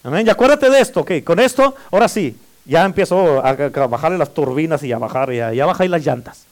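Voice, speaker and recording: A male pastor with a high-pitched voice delivers a lively sermon in church. He calls out for amens and playfully teases his listeners as he preaches. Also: quick pace. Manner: preaching with call-and-response amens; playful, teasing the congregation.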